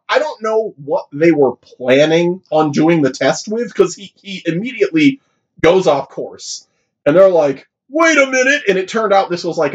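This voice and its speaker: A man co-hosting a casual movie podcast, animated, jumping into high mock voices for quotes. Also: breathy edge, lo-fi sound. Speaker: podcast co-host.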